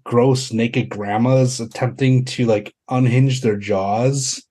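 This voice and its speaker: A man runs a tabletop horror game with a slow delivery. He improvises his descriptions haltingly, feeling for the next word, at an average pitch for a man. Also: steady tone, warm tone, slightly rough. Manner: halting, searching for words. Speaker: game master.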